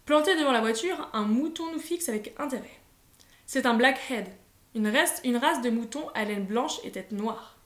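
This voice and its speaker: A woman reading a children's story aloud in a lively, expressive way. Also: a little high, moderate pace. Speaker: audiobook reader. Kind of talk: scripted storybook narration. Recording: roomy echo.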